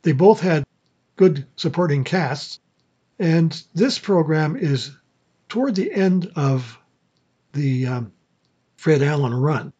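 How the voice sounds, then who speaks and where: Husky, fairly high-voiced male radio host. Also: animated, slow pace, pauses often, warm tone. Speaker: old-time radio program host. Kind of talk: informal commentary introducing vintage shows. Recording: dull, muffled sound.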